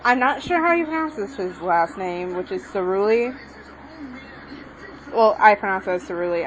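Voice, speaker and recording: In a home room with the TV on, a young language tutor of Mexican background talks through a casual lesson while writing, her mid-range voice rambling, hesitant and full of self-corrections. The lo-fi recording comes from a muffled home mic and includes background noise.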